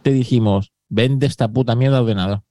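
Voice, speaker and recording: A man's voice: mid-range voice, warm tone, dry recording. A man co-hosting a casual tech chat, arguing back with jokes. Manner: joking banter, quick to argue back. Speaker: co-host.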